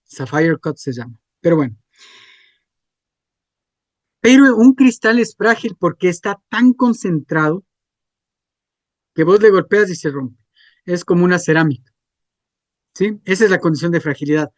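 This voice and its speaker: A man's voice: high voice, animated, measured pace, long pauses, no echo. A man, teaching a class and checking in with students through frequent questions. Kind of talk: classroom lecture.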